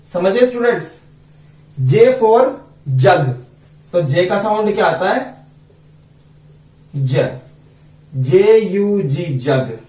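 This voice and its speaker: A man teaching phonics, slowly drilling letter sounds and quizzing his students. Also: high-pitched, very animated, darkish tone. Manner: slow, repeats sounds and asks students questions. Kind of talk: phonics lesson. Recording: echoey room, voice from a distance.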